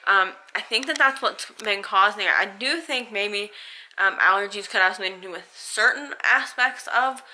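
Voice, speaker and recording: A woman's voice: mid-range voice, normal speed, pushed and bright, slight background noise, low-quality recording. An American woman vlogger chats casually and candidly to camera, rambling a little, with a sore, swollen mouth after dental surgery. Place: at home.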